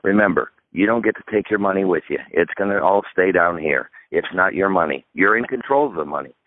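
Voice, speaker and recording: His voice sits low, with lively intonation and a fairly quick pace: a man in his fifties appearing as a retirement expert on a radio interview. He gives emphatic, instructive advice laid out in steps. The recording is dry, over a tinny phone line.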